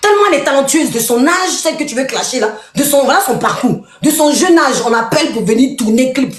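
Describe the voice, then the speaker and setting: A woman's voice: sits high, expressive, fast talker. Mocking woman ranting in an echoey room. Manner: mocking, repetitive, addresses a rival directly. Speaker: online commentator. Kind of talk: live video rant.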